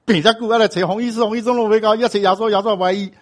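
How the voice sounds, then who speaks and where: A man voicing an anxious father begging help for his sick son, high and loud. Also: fairly even intonation, lightly acted. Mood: desperate complaint. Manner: pleading, urgent, then slow and broken.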